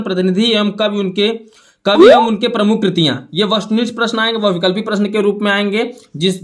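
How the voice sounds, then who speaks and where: A young man teaching an exam syllabus lesson, talking in a repetitive way and checking in with listeners as friends. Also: sits high. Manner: repetitive, addresses viewers as friends, frequent checking fillers.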